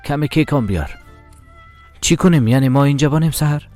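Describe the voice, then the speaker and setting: A man with a Tajik accent voicing a hurried young adult son in a dubbed TV drama, brisk and coaxing. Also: on the high side, a little mellow, soft background music, close to an everyday voice.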